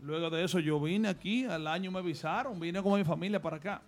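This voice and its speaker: A man from the Dominican Republic, speaking with a Dominican accent, earnestly tells his life story and gives advice as a guest in a radio studio. His voice is high-pitched and he talks fast, with faint music behind him.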